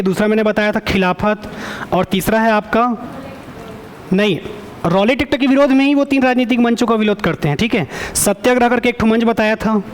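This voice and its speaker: A male teacher giving an online exam-prep lecture. He keeps quizzing the students for answers, often stops to check with a quick "okay", and corrects himself as he goes. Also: sits high, slight background noise.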